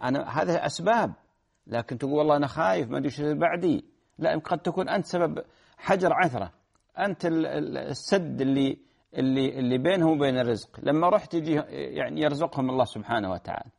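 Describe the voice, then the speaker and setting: Gravelly fast-talking scholar. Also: male voice, fairly high pitch, a little mellow. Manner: earnest, explanatory, repeats phrases and restarts words. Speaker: religious scholar answering listeners' questions. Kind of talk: religious advice program.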